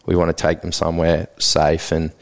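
This low-voiced podcast guest is a man in his thirties from South Africa whose first language is Afrikaans. He talks at a moderate pace with some vocal fry, drifting off on tangents in a laid-back interview and peppering his speech with "like" and "sorta."

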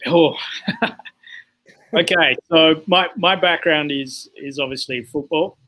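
Here the futsal organisation founder, a man born in Zambia and raised in England, sounds on the high side, pushed and bright, and takes it slowly. As a guest on a casual podcast, he explains his work at length with frequent "you know" fillers, captured on a rough recording.

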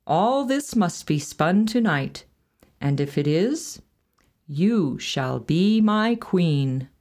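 A woman reading a storybook and voicing a greedy king in a lower, measured, commanding tone. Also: lively intonation, a little mellow. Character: greedy fairy-tale king, stern and commanding.

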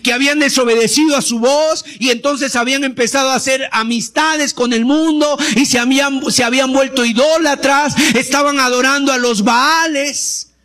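A man preaching a sermon, impassioned, acting out prayers and rising to shouts during pleas. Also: very high voice. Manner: acts out prayers and quoted pleas.

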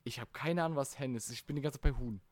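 A man's voice: mid-range voice, fast, dry recording. Wry young man, dry close sound. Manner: wry, joking, mock-disgusted. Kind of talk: casual chat.

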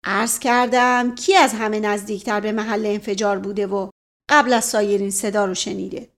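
A woman's voice: medium pitch, level tone, lightly acted. A woman voicing a bossy middle-aged male police officer who fires off impatient questions, in a storybook reading. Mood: barking.

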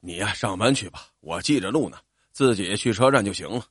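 A man voicing a stubborn, caring elderly rural father who talks gruffly and insistently. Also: fairly low pitch, expressive, a little fast, no echo, clean studio sound, pitched below the performer's own voice.

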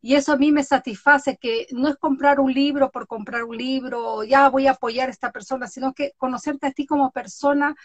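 High-pitched woman, lively storyteller, interviewer chatting casually, dry close sound. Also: brisk, hardly any pauses, dry recording. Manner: animated storyteller, acts out quotes with laughs. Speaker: interviewer on social media. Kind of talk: casual conversation.

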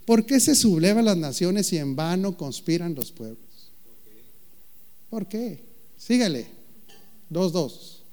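A man preaching a sermon, joking with the congregation and calling out questions, with slow, emphatic phrasing. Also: high-pitched, sing-song, a little mellow. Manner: playful, jokes with the congregation, calls out questions. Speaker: pastor.

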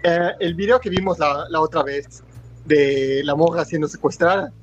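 A Mexican man with a somewhat high voice co-hosts a comedy podcast, teasing and mocking in casual slang. The sound is dull and lo-fi, with faint music underneath. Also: steady tone, moderate pace. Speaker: podcast co-host.

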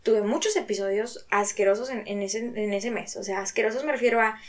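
A young woman with a Mexican Spanish accent telling a personal story in a casual chat. She talks in slang, swears freely and acts out what people said. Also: mid-range voice. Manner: slangy and profane, quick to swear.

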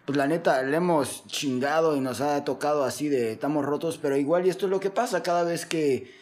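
A young Mexican man with a Mexican accent, telling a story in casual podcast chat, slangy and animated, acting out quotes. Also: fairly high pitch, a little fast. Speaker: podcast co-host.

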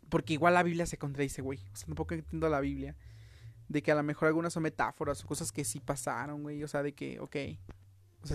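A man's voice: a little high, dry recording. A young man with a Mexican accent hosting his own show, giving his opinions in a heated, slangy rant full of fillers. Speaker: podcast host.

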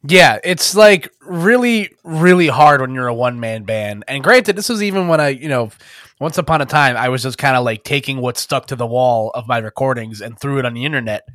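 A young man co-hosting a casual gaming podcast, animated and joking, often opening lines with "listen". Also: mid-range voice, brisk, dry recording, clean studio sound. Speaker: podcast co-host, esports commentator.

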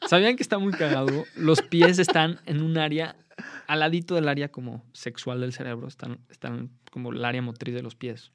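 A man's voice: fairly high pitch, steady tone, normal speed, fairly bright tone. A man with a Mexican Spanish accent talking crudely and joking in a casual podcast chat. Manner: crude, joking, explains things.

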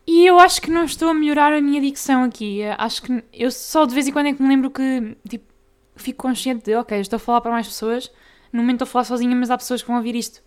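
A young woman with a European Portuguese accent, hosting a casual solo podcast, talking fast and tripping over tongue twisters. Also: sits high. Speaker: podcast host.

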